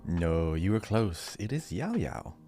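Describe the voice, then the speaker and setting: Warm and very animated, this low-voiced man takes his time. He's co-hosting a podcast and leading a quiz in relaxed, conversational talk, and faint music sits underneath.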